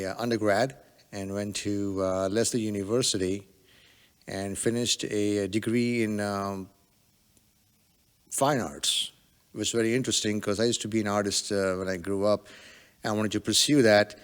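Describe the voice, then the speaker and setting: Low, smooth-voiced man with long reverb. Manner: hesitant, many fillers. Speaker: podcast guest, telemedicine entrepreneur. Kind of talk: relaxed conversational storytelling.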